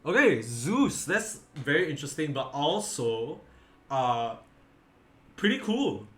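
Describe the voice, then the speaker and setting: A man's voice: fairly high pitch, very animated, slow, fairly bright tone. Tired, rambling male esports caster. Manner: rambling, self-correcting, filler-heavy. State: tired, yawning. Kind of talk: casual game commentary. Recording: echoey room with faint background noise.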